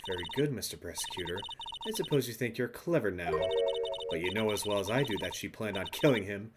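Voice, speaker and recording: A man's voice: on the low side, expressive, quick pace, over loud music, natural voice. A man voicing a prickly, boastful woman witness. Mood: indignant. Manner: indignant, self-important. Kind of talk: reading game dialogue aloud in character.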